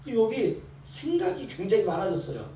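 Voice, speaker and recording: His high, dark-toned voice is sing-song and fairly quick as this male pastor delivers an early-morning sermon in a church sanctuary. He storytells, performing the voices of the servant and the master. Recorded at a distance in an echoey hall, it carries a faint hiss.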